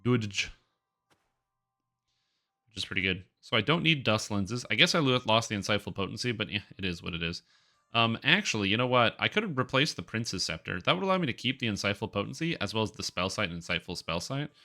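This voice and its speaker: A man streams a game, rambling casually to himself and his audience from close to the mic. His voice is lowish, congested, nasal and sharp, with big pitch swings, and he talks briskly.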